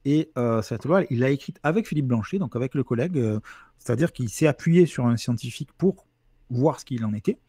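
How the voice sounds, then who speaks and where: A French man telling an anecdote as a guest linguist, animated and acting out the quotes he tells. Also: mid-range voice, slightly rough, dry recording, clean studio sound. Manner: fast, animated storytelling, acts out quotes. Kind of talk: lively explanatory talk with quoted imitations.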